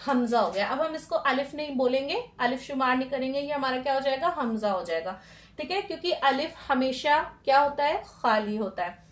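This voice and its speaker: A woman with a high voice gives a patient tajweed lesson. She keeps asking questions and answering them herself, and she draws out sounds slowly to demonstrate them. The recording has a roomy echo. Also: animated. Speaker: Quran recitation teacher.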